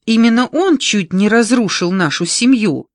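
Reader doing an enraged sharp-tongued sister, loud biting accusations, slow deliberate delivery, dry close sound. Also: medium pitch, fairly even intonation, no room sound. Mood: angry. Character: angry grown woman, sharp-tongued sister.

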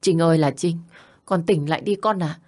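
A woman's voice: lowish voice, moderate pace, a little mellow, lightly acted. A woman voicing a stern middle-aged mother who scolds and pleads with her daughter. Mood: scolding.

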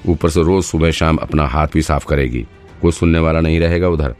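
A man voicing a hot-tempered male police detective who shouts and scolds. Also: rumbling low, fairly even intonation, brisk, soft background music. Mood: stern threatening.

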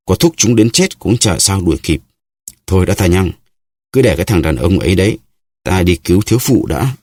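A man reading an audiobook, voicing a practical male musketeer who argues calmly and persuasively. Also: low-pitched, brisk, dry recording.

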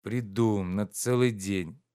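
A man reading aloud and voicing an anxious, grumbling gentleman in an audiobook. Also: lowish voice, slow pace, clean tone. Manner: worried, grumbling, impatient.

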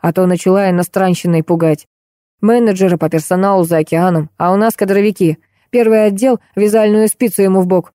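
A cantankerous old woman played by a female audiobook reader scolds and accuses in a grumpy, combative voice. The tone stays mellow and the recording is dry and close. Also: mid-range voice, fairly even intonation, a little fast, dry recording, close to an everyday voice. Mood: scolding. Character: cantankerous, combative elderly woman, a retired court archive clerk. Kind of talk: audiobook character voice.

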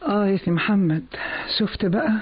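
An actress playing a scheming, gossiping Egyptian daughter-in-law in a radio drama. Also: female voice, mid-range voice, fairly quick, husky, natural voice. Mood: gossipy. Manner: insinuating, gossipy. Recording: dull lo-fi radio recording.

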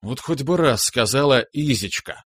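A man's voice: mid-range voice, animated, normal speed, fairly bright tone, breathy edge, no room sound, studio quality. A man voicing a brash, noisy young man who clowns around. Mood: boisterous. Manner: brash, joking.

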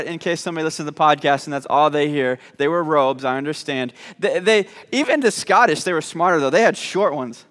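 A male pastor preaches in a church with a voice set high for a man, keeping the tone loose and joking as he stumbles over his words. His sermon rings with the long reverb of the church hall. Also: fairly bright tone. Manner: conversational and joking, with repeated false starts. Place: church sanctuary.

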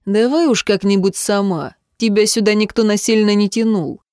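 Woman voicing a gruff, surly young guy. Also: medium pitch, steady tone, normal speed, warm tone, no room sound, studio quality, lightly acted. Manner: curt, growling. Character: gruff surly young man, rude and curt.

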